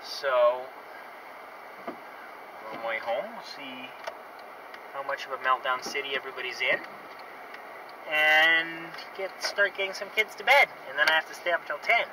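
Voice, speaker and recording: A middle-aged man giving a relaxed, chatty vlog update to the camera from the car. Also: mid-range voice, measured pace, pauses often, far from the mic, noisy background. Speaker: parent vlogging after a drop-off.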